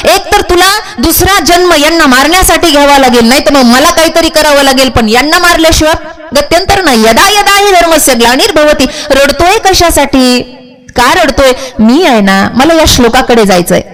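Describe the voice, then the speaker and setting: Woman preacher, devotional sermon, high voice, asks the crowd questions. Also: animated, moderate pace, a bit bright, low-quality recording. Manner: questions the audience directly, storytelling. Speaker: kirtan preacher.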